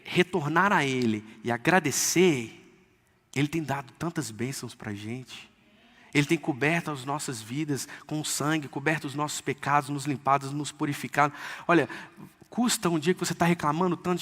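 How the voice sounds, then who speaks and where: A man preaching a sermon in Brazilian Portuguese, fervent, acting out quoted lines with sudden loud bursts. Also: on the high side, normal speed. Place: church hall. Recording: long church-hall reverb.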